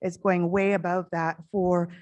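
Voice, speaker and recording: A middle-aged woman gives a heartfelt, earnest conference address into a stage mic, her loud voice fairly low in pitch and level in tone. Every so often she picks up speed in quick bursts.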